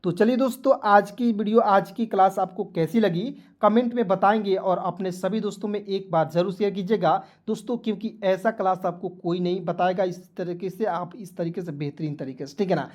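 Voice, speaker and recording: A man's voice: high voice, fairly quick, hardly any pauses, a little mellow. A man teaching an online video lesson, spelling words out letter by letter and repeatedly quizzing his viewers as friends. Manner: repetitive, addresses viewers as friends. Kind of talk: Hindi-language video lesson.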